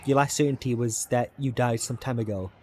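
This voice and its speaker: A man narrating a game's story text in a quick, hushed reading. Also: medium pitch, steady tone, very noisy. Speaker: let's play narrator. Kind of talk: reading game text aloud.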